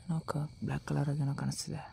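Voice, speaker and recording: A nervous man with a Kannada accent, vlogging a night ghost hunt outdoors in a forest, switching between hushed asides and loud calls into the dark. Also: on the high side, monotone, very fast, gravelly, a little hiss or hum. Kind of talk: night ghost-hunting vlog.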